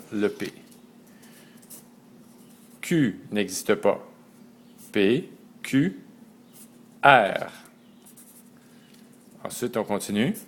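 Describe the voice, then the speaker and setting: A man, slowly and methodically teaching a writing system letter by letter. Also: fairly low pitch. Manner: slow and methodical, spelling out letters one by one. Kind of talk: step-by-step lesson.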